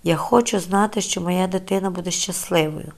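A frail young pregnant woman, as an audiobook narrator puts her on, with a soft, trembling voice pitched a little low. She pleads tearfully and sounds fragile. It is a storybook reading of a quiet, scared figure. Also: brisk, natural voice. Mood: frightened, pleading.

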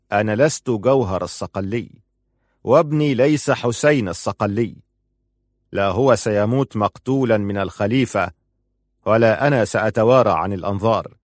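A man's voice: mid-range voice, a little fast, no echo, clean studio sound, natural voice. A man reading an audiobook, voicing a proud old army commander who speaks firmly and emphatically. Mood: defiant. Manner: firm, emphatic declaiming.

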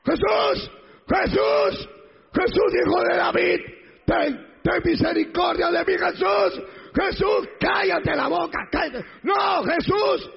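A man voicing a desperate blind male beggar who shouts and pleads for mercy. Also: very high voice, expressive, slow pace, gravelly, hardly any pauses, voice pushed up, exaggerated voice. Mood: desperate shouting. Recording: echoey hall, dull lo-fi sound.

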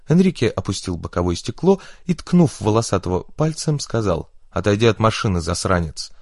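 A man reading an audiobook with steady, scripted narration. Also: on the low side, no room sound, clean studio sound.

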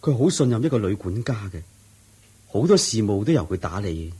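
A man with a lowish, dark, husky voice swings widely in pitch and speaks briskly, acting heavily. He plays a devoted male disciple in a 1980s-style radio drama, explaining at length in an earnest, respectful way.

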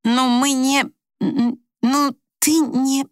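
A woman's voice: fairly high pitch, lively intonation, moderate pace, a bit bright, no echo, studio quality, voice pushed up. A woman reading an audiobook, voicing a timid, hesitant young wife who falters as she speaks. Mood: timid, anxious. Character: timid, anxious young wife, shy and ashamed.

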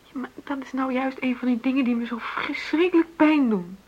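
In a radio drama, an actress plays an unhappy, trapped middle-aged wife, speaking openly and haltingly in a husky, high-sitting female voice. She sounds anguished, and the naturalistic dialogue comes through with lo-fi sound.

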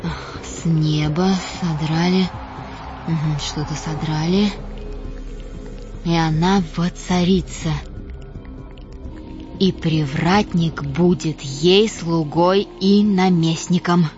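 A haughty middle-aged merchant-witch, prim and mannered but quick to shriek like a market woman. Her usual register sits fairly low, and she drawls her words slowly. The recording is dull and lo-fi, with music running underneath. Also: fairly even intonation. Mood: ominous reading. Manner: prim, flaring into shrill market-woman yelling. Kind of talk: audiobook voice acting.

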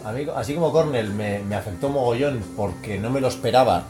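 A man's voice: mid-range voice, a little fast, music in the background. A man in his forties with an accent from Spain, chatting as a podcast guest, emphatic and swearing freely. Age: 40s. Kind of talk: casual music chat.

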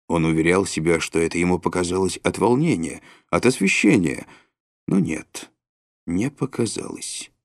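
Expressive male audiobook narrator. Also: vocal fry, no echo, studio quality. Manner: expressive, with sudden rises and drops in pitch. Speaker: audiobook reader.

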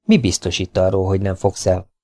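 A man reading the lines of a quiet, menacing young outlaw in an audiobook, keeping his voice hushed and low. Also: dry recording, clean studio sound, close to an everyday voice.

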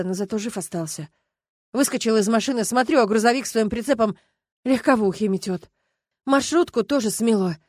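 A woman voicing a shaken, grieving man who talks in a dull, flat way, in an audiobook. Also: on the high side, no room sound, clean studio sound, close to an everyday voice. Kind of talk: audiobook narration.

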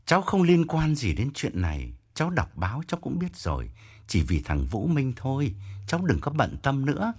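A man's voice: mid-range voice, huge pitch swings, normal speed, exaggerated voice. A man voicing a grieving older head of household who gives firm orders. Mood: commanding. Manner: commanding, gruff.

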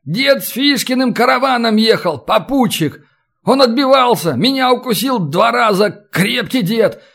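In an audiobook, a man doing a terrified young bandit, begging in a rush. His pleas climb high and break into shouts of panic. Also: expressive, unhurried, heavily acted. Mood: panicky. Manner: pleading, panicky.

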